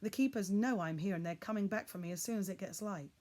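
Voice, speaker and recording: A woman voicing an injured father in a storybook reading, speaking in a calm, reassuring and affectionate way. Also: mid-range voice, quick pace, natural voice. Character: injured gentle father in a pit.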